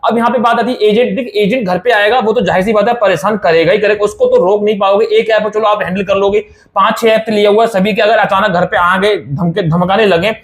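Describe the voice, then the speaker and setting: A man's voice: high voice, steady tone, fairly quick. A man giving casual, reassuring money advice straight to his viewers, repeating his points and calling them brother. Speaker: loan advice YouTuber. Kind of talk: casual direct-to-camera advice.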